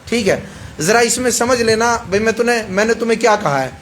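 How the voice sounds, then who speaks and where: A man's voice: very high-pitched, expressive, fairly bright tone, a little hiss or hum. A male preacher with a Pakistani Urdu accent gives a hadith sermon in an emphatic way, repeating phrases and checking that the audience agrees.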